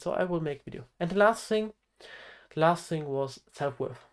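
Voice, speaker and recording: A nineteen-year-old man, a health coach, talking straight to camera in an earnest motivational vlog. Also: a little high. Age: teens. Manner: earnest, direct advice to the viewer.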